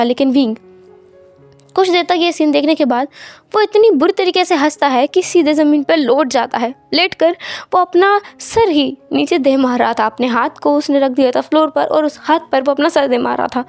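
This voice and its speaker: A woman narrating a fanfiction story in a lively, expressive storytelling manner. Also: high-pitched, dry recording.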